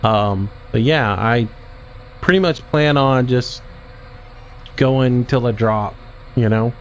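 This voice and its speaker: A man streaming a game and casually answering chat questions in a relaxed, drawling way. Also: medium pitch, slow. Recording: dull lo-fi stream audio with faint vehicle noise.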